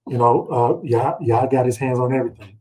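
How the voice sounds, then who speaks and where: Leading a scripture read-along, this middle-aged man teaches in an informal, conversational way, sharing personal anecdotes and asking listeners rhetorical questions. He talks fairly quickly with a mid-range, darkish voice and fairly even intonation, captured on poor audio.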